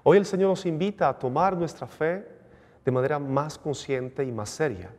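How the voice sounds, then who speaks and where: Priest praying solemnly in cathedral echo. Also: male voice, fairly high pitch, normal speed, darkish tone. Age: middle-aged. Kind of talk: solemn liturgical prayer and preaching. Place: indoor chapel, at altar and lectern. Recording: long cathedral-like echo, reverberant chapel.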